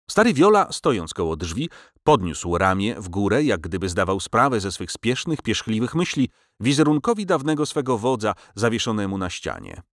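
A man reading a novel aloud as an audiobook narrator, with measured, expressive storytelling on a close studio mic. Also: on the low side, no room sound. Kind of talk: scripted literary narration. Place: recording studio.

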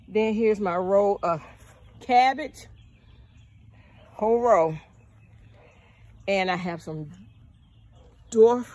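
An older woman, a bit out of breath, chatting casually to viewers while walking through her outdoor vegetable garden, calling them y'all. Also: mid-range voice. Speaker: gardening vlogger.

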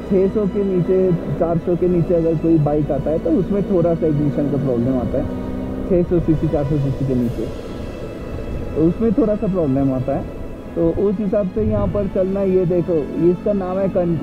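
Male bike vlogger, higher voice, slow chatty explaining, tinny helmet mic. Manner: chatty, explanatory, mixes in English words. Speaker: motorcycle vlogger. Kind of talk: casual travel narration while riding. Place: on a motorbike on an open mountain road.

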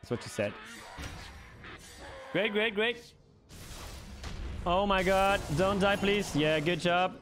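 A man commentating his own game live, excitable and swearing, with mock-formal asides and bits of English. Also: high-pitched, slow pace, pauses often, music in the background. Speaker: streamer.

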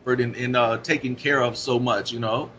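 A man talking on a podcast as co-host, rambling with many fillers and dropping at times into low mutters. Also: steady tone, a little fast, fairly bright tone. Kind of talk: casual podcast discussion. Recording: dull lo-fi audio with faint hiss.

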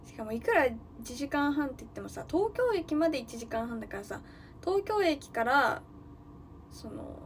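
High-voiced young woman chatting casually. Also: a little hiss or hum. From Nagano, Japan. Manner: chatty, thinks aloud, greets viewers often. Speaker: livestreaming idol. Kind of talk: casual livestream chat.

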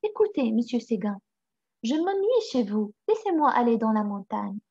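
A woman voicing a stubborn, polite young female goat in a storybook reading, gently insistent. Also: fairly high pitch, sing-song, normal speed, slightly rough, exaggerated voice. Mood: pleading. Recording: slightly dull recording.

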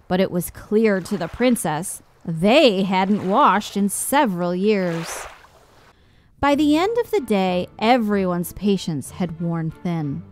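A woman reads a children's book aloud at a slow, careful pace. Her delivery is expressive and sing-song. Soft music plays behind her. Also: mid-range voice. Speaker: storyteller.

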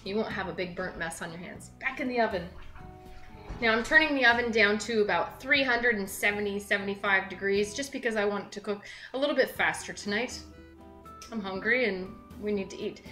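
A woman's voice: mid-range voice, a little fast, pushed and bright. A young woman hosting a home cooking show, chatting upbeat and casual as she works at the counter of a large kitchen. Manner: chatty, upbeat, talks while working with her hands. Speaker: web cooking show host. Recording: echoey kitchen with light background music.

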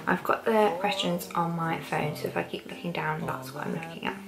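A woman's voice: on the low side, fairly even intonation, fairly quick, creaky. A British woman in her twenties chatting casually to the camera in a small room at home. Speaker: vlogger. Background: background music.

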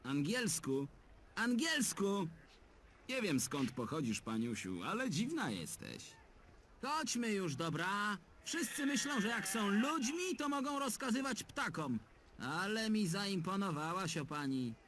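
A man's voice: high-pitched, big pitch swings, a little slow, a bit bright, a little hiss or hum, exaggerated voice. An actor voicing a sarcastic, sulky talking male bird in a dubbed adventure game. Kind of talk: game dub voice acting.

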